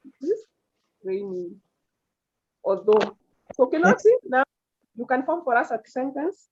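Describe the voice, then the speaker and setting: Woman teacher running an online grammar class, high and very lively voice, muffled lo-fi call audio. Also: unhurried, slightly rough. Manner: calls on students by name, repeats their answers. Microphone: video call. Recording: dull lo-fi video call audio.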